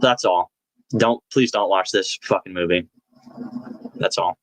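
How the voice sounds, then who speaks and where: A man's voice: deep voice, unhurried. A man co-hosting a podcast in casual chat, blunt and sarcastic, cursing freely. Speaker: podcast co-host.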